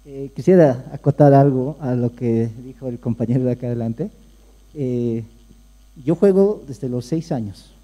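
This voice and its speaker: A man's voice: mid-range voice, moderate pace, muffled recording. A man from Bolivia commenting from the audience at a panel, speaking hesitantly. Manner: hesitant, many fillers and restarts. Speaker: audience member.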